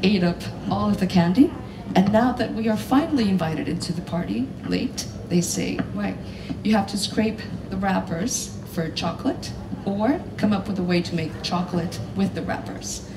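A woman's voice: mid-range voice, normal speed, hardly any pauses. A woman journalist from the Dominican Republic speaking on a conference panel, pointed and assertive. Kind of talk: panel talk on stage. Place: large hall on stage. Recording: roomy hall, mic at a distance, noisy.

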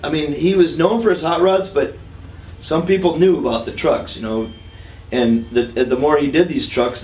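A man's voice: mid-range voice, a little mellow. A man with a middling voice tells loose, casual stories about truck builders, now and then swearing. He sounds distant from the mic, in a roomy space. Faint ambient noise hangs behind him. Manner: loose, profane storytelling. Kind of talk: casual interview anecdote.

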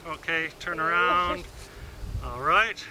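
Man photographer giving slow, calm directions outdoors, old hissy camcorder audio. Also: a little high. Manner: calm, coaxing instructions. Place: outdoors in a park.

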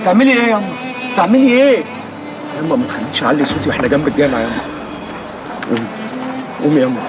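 A man's voice: fairly high pitch, expressive, very fast, natural voice. An actor with an Egyptian accent playing a young man insistently begging his mother to come home. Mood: pleading. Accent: Egyptian Arabic. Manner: pleading, insistent. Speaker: son pleading with his mother. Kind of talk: Egyptian TV drama acting. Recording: music under the scene.

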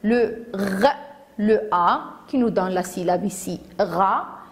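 A woman teacher with a Moroccan accent giving a phonics lesson to young children, saying each word slowly, syllable by syllable. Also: medium pitch. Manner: slow, deliberate, syllable by syllable. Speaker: primary school teacher.

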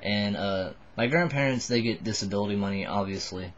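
A man in his twenties, a little drunk, giving a halting, rambling, casual confessional to the camera. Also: on the low side, fairly bright tone, slight background noise. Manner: tipsy, buzzed, halting and rambling. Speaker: vlogger addressing subscribers. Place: small wood-panelled bedroom indoors. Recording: dull lo-fi webcam audio.

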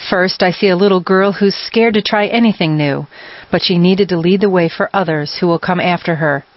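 A woman reading a personal essay aloud in a measured, earnest way. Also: fairly low pitch, dry recording, muffled recording.

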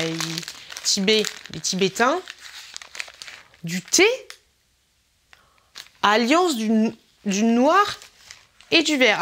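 A woman's voice: fairly high pitch, noisy background. Chatty, giggly French-speaking woman vlogger. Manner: chatty and giggly, exclaims often. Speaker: YouTuber opening a swap package. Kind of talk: casual unboxing chat.

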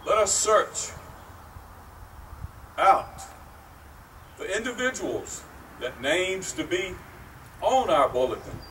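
A middle-aged man preaching a sermon at an outdoor pulpit beside a brick church, speaking slowly and earnestly with pauses, picked up by a distant camera microphone. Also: high voice, big pitch swings, a bit bright. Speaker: pastor. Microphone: far camera, at a wooden pulpit. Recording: distant outdoor mic, faint noise.

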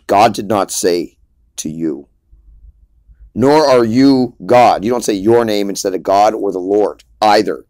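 A man's voice: on the low side, darkish tone, dry recording. A man preaching informally in an emphatic, lecturing way, often repeating his points.

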